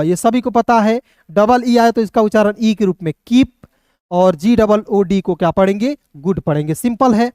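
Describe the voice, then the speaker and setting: A man teaching an online phonics lesson, breaking words into letters and then sounding them out slowly. His voice is smooth and clear, recorded close and dry with no room sound. He keeps turning to his viewers and checking that they follow. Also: sits high, a little mellow, dry recording. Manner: keeps addressing viewers as friends and checking with "okay". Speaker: English teacher.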